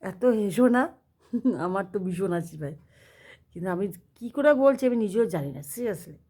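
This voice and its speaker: A woman's voice: medium pitch, animated, a little fast, mellow, breathy edge. A woman telling a funny religious story in a chatty, laughing way. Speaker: cooking channel host. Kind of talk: casual comic monologue.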